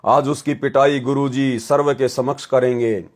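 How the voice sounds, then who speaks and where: A man's voice: mid-range voice, steady tone, unhurried, close to an everyday voice. A man voicing an angry, proud male brahmin sage who scolds and accuses in a read-aloud scripture story.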